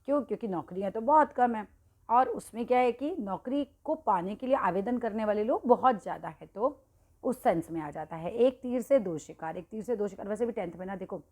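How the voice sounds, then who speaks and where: A woman's voice: mid-range voice, animated, fairly quick, darkish tone. A woman teaching idioms to exam students in a casual, conversational way, talking straight to them and correcting herself as she goes. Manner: conversational, addresses students directly, frequent checks and self-corrections. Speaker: Hindi teacher. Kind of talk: casual exam-prep lesson explaining idioms.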